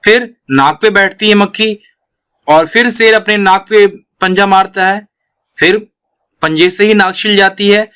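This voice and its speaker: A man's voice: high-pitched, measured pace, pushed and bright, clean tone. A man teaching a school lesson, reading a children's story aloud and then retelling each passage in simpler words, with fillers.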